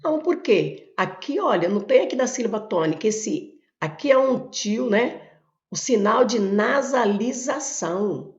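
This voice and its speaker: A Brazilian woman teacher walks through exam questions one step at a time. She often says "ó" and "olha" as she points at the board, and her pitch moves up and down a lot. The recording is echoey and sounds dull and lo-fi. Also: very animated, normal speed, hardly any pauses, a little mellow. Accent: Brazilian Portuguese. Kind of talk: exam prep lesson, working through questions.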